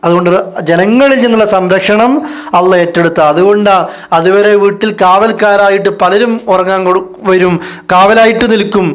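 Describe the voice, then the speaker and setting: A man's voice: high voice, steady tone, normal speed. A man giving a religious lecture as a preacher, asking rhetorical questions and answering them himself. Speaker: Islamic preacher.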